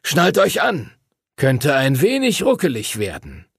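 A man's voice: medium pitch, wildly swooping pitch, a little slow, gravelly, a bit bright, slightly rough, no room sound, clean studio sound, voice pushed up, exaggerated voice. A man voicing a brusque, gray-haired male pilot and teacher who barks out orders. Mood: brisk. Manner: brusque, commanding.

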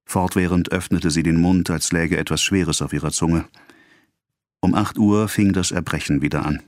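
Deep-voiced man narrating a novel. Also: steady tone, moderate pace, a little mellow, no room sound, studio quality. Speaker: audiobook narrator. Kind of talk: scripted narration of a classic novel.

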